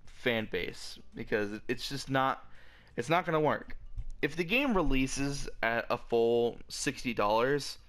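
A man's voice: mid-range voice, measured pace, a bit bright. A man delivering a frustrated, profane rant about a video game, stumbling and restarting often, his voice cracking. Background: faint background music.

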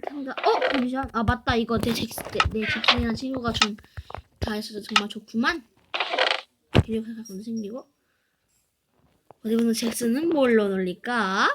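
A young woman with a high voice chats her way through a game, playful and quick to burst into loud squeals. There is a steady hiss of noise under her voice. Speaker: game player. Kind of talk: Minecraft-style role-play commentary.

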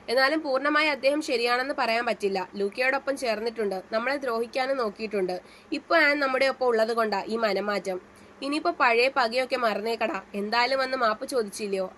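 A gentle elderly grandmother, wise and consoling, in a storybook reading, as a woman narrator puts her on. The voice is a touch high. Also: slight background noise, natural voice.

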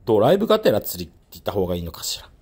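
A man talking casually while fishing outdoors from a lakeside pier, speaking in a soft, feminine manner, picked up by a worn action camera. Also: lowish voice, wildly swooping pitch, racing, breathy edge. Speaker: fishing vlogger.

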